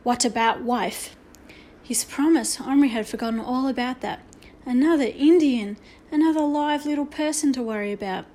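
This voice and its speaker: A woman reads a children's story aloud, steady and expressive. Her voice sits a little high for a woman. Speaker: audiobook narrator. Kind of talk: children's book reading.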